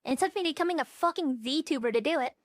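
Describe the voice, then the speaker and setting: A woman's voice: sits high, fast, no room sound. A young woman streaming live, talking casually in a blunt, profane, scattered way through a voice changer set to a more natural tone. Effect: voice changer turned down to a more natural tone. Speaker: VTuber streamer. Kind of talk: casual livestream chat.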